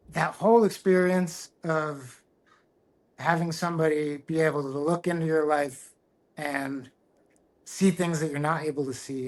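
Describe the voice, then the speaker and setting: Middle-aged guy opening up on a podcast, earnest, bit of a higher voice, keeps restarting his sentences. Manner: earnest and reflective, with halting restarts. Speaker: guest, tattoo artist. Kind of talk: candid personal storytelling.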